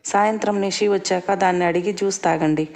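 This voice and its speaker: A woman voicing a caring, busy adult mother who talks softly and reassuringly. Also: mid-range voice, steady tone, fairly quick, gravelly, close to an everyday voice.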